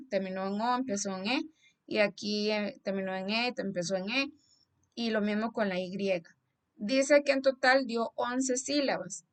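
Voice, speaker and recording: A woman's voice: mid-range voice, a bit bright. A young woman teacher with a Costa Rican accent who explains a lesson slide patiently and keeps checking that her students follow. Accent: Costa Rican Spanish. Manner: patient, explanatory, asks "¿verdad?" to check understanding.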